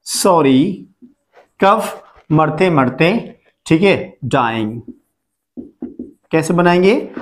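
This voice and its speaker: Slow, high-voiced man teaching English. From India. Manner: slow, drawn-out example sentences, repeating each phrase. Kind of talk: Hindi-language English lesson.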